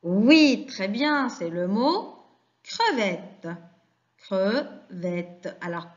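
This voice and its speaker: Slow, patient woman teaching young children. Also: fairly high pitch, big pitch swings, dull audio. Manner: slow, deliberate, praising and questioning pupils. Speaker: French teacher. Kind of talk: classroom lesson for young children.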